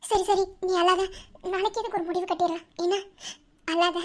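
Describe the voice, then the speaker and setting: A woman's voice: extremely high pitch, fairly even intonation, moderate pace. A woman voicing a loyal young woman comforting her friend in a cartoon, with a Madurai Tamil accent. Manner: coaxing, scolding gently. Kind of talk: cartoon voice acting.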